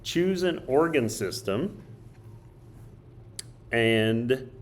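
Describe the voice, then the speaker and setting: A male teacher with a hoarse, choked-up voice, casually thinking aloud as he walks through a study guide. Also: medium pitch, expressive, drawn-out words, a little hiss or hum. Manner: casual, thinks aloud while drawing and writing. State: hoarse, coughing. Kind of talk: recorded study guide walkthrough.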